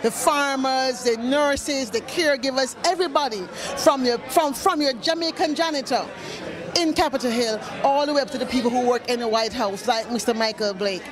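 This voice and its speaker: A woman's voice: high voice, normal speed. A woman speaking as an event founder in an interview, earnest and emphatic, repeating phrases like a speech. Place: event red carpet. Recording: lively crowd noise behind.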